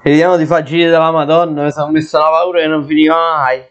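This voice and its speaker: Speaking fast in a fairly high voice with little pitch movement, this young man does let's play commentary for his gaming videos. He's jumpy, often yelping and cursing in fright, and the audio is dull and lo-fi.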